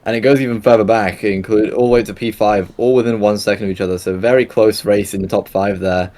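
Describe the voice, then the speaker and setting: A man's voice: on the low side, steady tone, fast, mellow. A young man doing live sim racing commentary in a casual, rambling way, full of fillers and self-corrections. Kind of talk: live esports race commentary.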